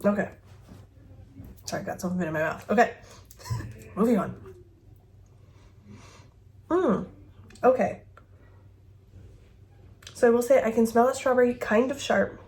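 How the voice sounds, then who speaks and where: A woman's voice: a little high, measured pace, gravelly, pauses often, darkish tone. A woman in her thirties chatting casually at home as she reviews fragrances, thinking aloud with giggles and a phone mic. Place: home bedroom with dresser.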